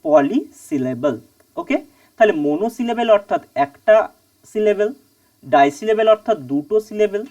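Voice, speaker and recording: A woman teaching an online English grammar lesson, asking and answering her own questions and repeating key words slowly. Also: medium pitch, darkish tone, distant mic.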